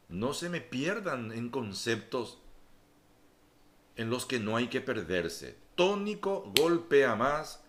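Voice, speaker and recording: A male teacher giving a patient grammar lesson who repeats key points and checks in with his students. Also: mid-range voice.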